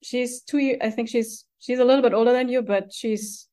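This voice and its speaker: A woman's voice: a little high, steady tone, normal speed, mellow. A woman in her forties with a foreign accent, hosting a casual podcast interview, chatty and effusive, tagging her sentences with "right?". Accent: foreign-accented English. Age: 40s. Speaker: podcast host.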